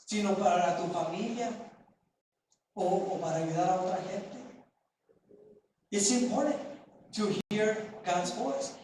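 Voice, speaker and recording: Slow, echoey bilingual church preacher. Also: medium pitch, a little mellow. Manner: says each phrase in English, then repeats it in Spanish; slow, deliberate preaching with emphatic repetition. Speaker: pastor. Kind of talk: bilingual sermon, self-translating. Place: church sanctuary. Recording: very echoey church hall, mic far off, faint room noise.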